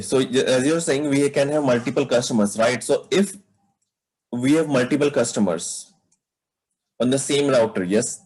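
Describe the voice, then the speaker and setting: A networking instructor teaches a live online class, explaining things step by step and checking in with students by asking "right?". His voice is medium-pitched with a darkish tone, and the recording is low quality.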